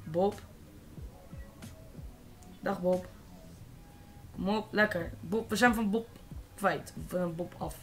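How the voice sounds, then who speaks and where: A teenage boy from the Netherlands giving casual, excitable let's-play commentary, swearing and shouting at opponents. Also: sits high, slow pace, pauses often, soft background music. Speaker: gaming YouTuber.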